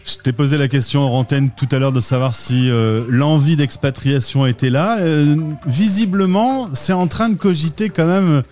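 A man's voice: on the high side, moderate pace, hardly any pauses, a little mellow. Male radio host, casual interview, teasing questions, faint music behind.

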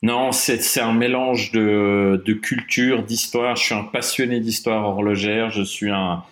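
This middle-aged Swiss man, a native German speaker from the watch industry, is a guest in an interview. His voice sits on the low side with a steady tone and a slightly slow pace, and his speech is full of fillers and restarts.

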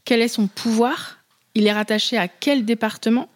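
A woman, a business founder, explaining her views in a relaxed conversation, measured and hesitant. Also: a little high. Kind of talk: casual conversational interview.

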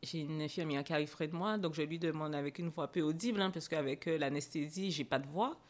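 As a guest on a podcast, a young woman with a slightly low voice shares a personal story from her own life. She often pauses, fills gaps and starts sentences over, and she recounts it with open, candid emotion.

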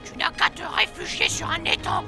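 An actor voicing a boastful, irascible pirate captain with a small, shrill, gravelly voice, blustering indignantly. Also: male voice, level tone, normal speed, heavily acted. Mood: boastful, threatening. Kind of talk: dramatic pirate adventure acting. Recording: loud music behind.

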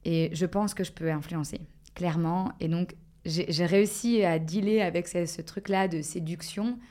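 Lowish hesitant woman podcast guest. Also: normal speed, mellow. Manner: hesitant, reflective, many fillers and restarts. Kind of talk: casual podcast conversation.

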